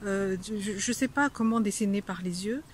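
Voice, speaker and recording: A woman's voice: medium pitch, moderate pace, slight background noise. A woman teaching a casual video language lesson, playful, laughing often and pretending to be angry.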